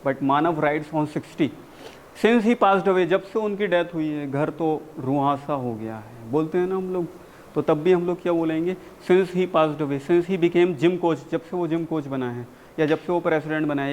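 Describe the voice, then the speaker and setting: A man's voice: fairly high pitch, normal speed, a little mellow, slight background noise. A man with an Indian accent teaching spoken English in a university classroom, explaining in Hindi and drawing out his English example sentences. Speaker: English communication coach. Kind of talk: classroom lecture.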